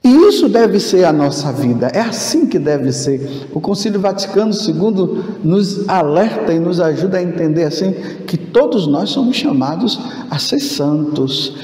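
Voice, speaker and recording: Priest giving a homily, man, measured slow pace, slightly high voice, roomy church sound. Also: big pitch swings, warm tone. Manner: slow, emphatic preaching with sudden rises in pitch. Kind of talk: sermon. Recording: echoey church with long reverb.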